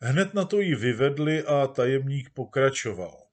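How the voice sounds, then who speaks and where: Guy reading a short story out loud, even and dry, medium voice. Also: medium pitch. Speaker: narrator.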